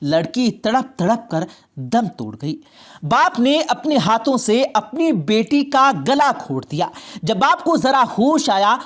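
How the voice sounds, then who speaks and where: A woman narrating a dramatic story in an expressive storytelling manner. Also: a little high.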